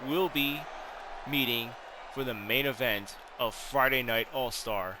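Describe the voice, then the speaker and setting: A man voicing a scheming, villainous wrestling challenger who taunts his rival in a slow, menacing way. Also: medium pitch, noisy background, lightly acted. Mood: taunting, menacing. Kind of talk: hobby wrestling storyline role-play.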